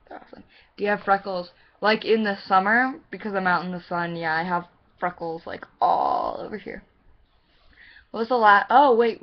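A nineteen-year-old American woman from Missouri chatting casually to camera in a rambling, self-deprecating way, recorded on a webcam at home. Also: lowish voice. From Missouri, United States. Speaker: vlogger answering a questionnaire. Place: room in a house. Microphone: webcam microphone. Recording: dull lo-fi webcam audio.

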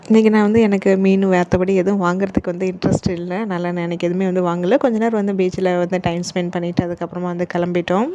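Fast-talking woman narrating a vlog. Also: fairly low pitch, mellow, a little hiss or hum. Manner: chatty, colloquial, many fillers. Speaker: vlogger.

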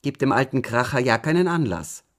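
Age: middle-aged. Figure: a man voicing a curt, stern mother. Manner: sharp and cold. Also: low-pitched, huge pitch swings, fairly quick, creaky, exaggerated voice. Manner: sharp, cold, clipped warnings. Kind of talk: audiobook reading.

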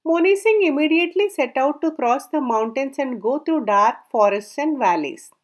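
A woman reads a folk tale aloud in a measured, storybook style, her sentences dropping at the ends. Her voice sits high and sounds animated.

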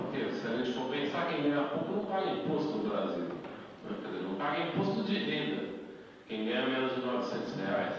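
At a debate event held in an indoor hall, an invited lecturer, a middle-aged man with a Brazilian Portuguese accent, holds a handheld mic and builds his explanation one step at a time, adding rhetorical questions. His pitch is medium. Recorded by a distant camera, the audio echoes and carries background noise.

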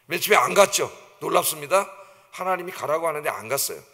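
A middle-aged male pastor giving an animated sermon in a church, telling the story vividly and often checking in with the congregation. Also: on the high side, fast talker. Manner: animated storytelling, acts out quoted voices, often asks "예?" to the congregation. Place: church sanctuary. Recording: church hall reverb.

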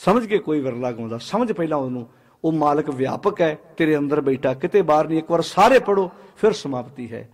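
Man, Sikh sermon, high-pitched, swings from loud exhortation to quiet asides, chants scripture slowly, stage mic. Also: lively intonation. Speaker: Sikh preacher. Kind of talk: Punjabi sermon with sung scripture.

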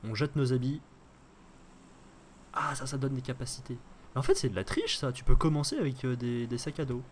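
A man's voice: mid-range voice, brisk, a little hiss or hum. A man with a French accent giving casual, joking gameplay commentary as a streamer, thinking aloud as he plays. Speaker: gaming streamer.

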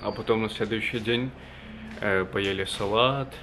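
A man's voice: fairly low pitch, fairly even intonation, unhurried. A man in his twenties chatting casually to the camera as a vlogger in an apartment room. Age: 20s. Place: small apartment room, indoors. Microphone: camera at arm's length. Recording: noisy handheld camera audio, room ambience.

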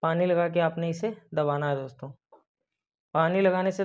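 A man's voice: a little high, a little mellow. A young man, host of a baking channel, talking viewers through a recipe step by step and addressing them as friends over and over. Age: young adult. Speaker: baker and cooking channel host. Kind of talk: cooking tutorial voice-over. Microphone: lapel mic. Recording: dull lo-fi sound.

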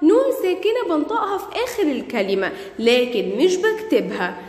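A woman with an Egyptian Arabic accent teaches a primary school grammar lesson, asking questions and praising her pupils. Her voice is high, very animated and slightly mellow at a moderate pace, in an echoey room with long reverb.

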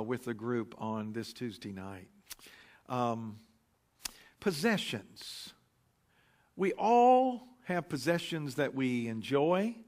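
A man preaching a relaxed, anecdotal sermon into a pulpit microphone, pausing often with fillers. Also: mid-range voice. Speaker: pastor. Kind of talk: conversational sermon. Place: church sanctuary.

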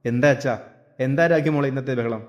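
A man's voice: medium pitch, steady tone, brisk, lightly acted. A man voicing a concerned, earnest young son-in-law in a storybook reading, asking anxious questions.

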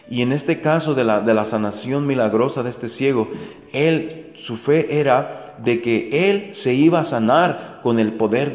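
A man with a mid-range voice preaches a daily gospel reflection, earnest and repetitive, putting rhetorical questions to the faithful again and again. The room is echoey, with soft music underneath.

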